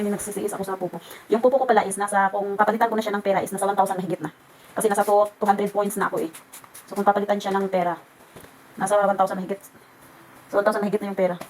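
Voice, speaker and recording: A woman's voice: mid-range voice, darkish tone, a little hiss or hum, low-quality recording. A woman vlogger chatting to her viewers while ironing at home, in a rambling, ranting way. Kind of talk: casual chat.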